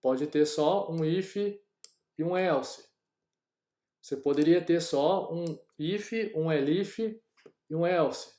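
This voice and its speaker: A man's voice: on the high side, takes it slowly, dark tone. A man from Brazil teaching a coding lesson, talking casually through each step aloud to his class. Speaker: programming teacher. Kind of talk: screen-recorded coding lesson. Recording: echoey room.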